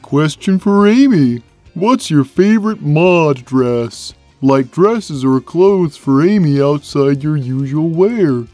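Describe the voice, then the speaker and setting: A low, mellow voice for a huge, gentle male cartoon cat, performed by a woman. He talks slowly and plainly, placid and deadpan in a simple-minded way. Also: no room sound, faint music behind. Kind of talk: animated character Q&A, fan dub.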